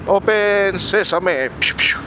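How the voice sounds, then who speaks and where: Riding his motorbike on the road, a Filipino motovlog host chats casually and playfully, slipping in English phrases. His voice is high and slow. Traffic and vehicle noise make the outdoor recording noisy.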